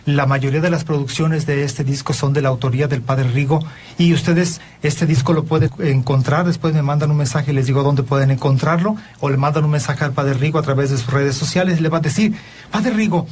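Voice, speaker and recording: A man with a Mexican Spanish accent, a priest hosting a radio talk show, speaking in an earnest, preachy, animated way. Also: fairly high pitch, a little fast, slight background noise.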